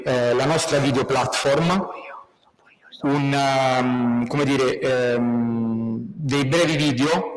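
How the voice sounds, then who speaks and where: A man's voice: medium pitch, poor audio. Hesitant man making event announcements. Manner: hesitant, with fillers and restarts. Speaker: event organizer introducing the speaker. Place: lecture hall.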